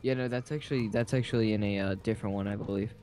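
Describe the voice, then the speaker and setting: A man's voice: on the low side, steady tone, very fast, darkish tone, soft background music. A young man chatting casually as he co-hosts a video game playthrough. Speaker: gamer co-host of a let's play. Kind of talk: casual gaming chat.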